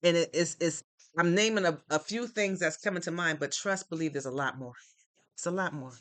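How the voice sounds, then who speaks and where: Speaking briskly in a slightly high, fairly bright voice, a livestream host gives viewers earnest, faith-based encouragement that he repeats often. The recording is dry.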